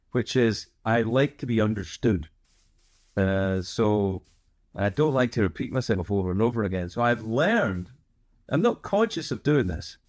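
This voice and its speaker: A man with a light Scottish accent, softened by years in America, answering viewer questions in a rambling, digressive chat full of fillers and restarts. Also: fairly low pitch. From Scotland. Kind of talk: casual chat.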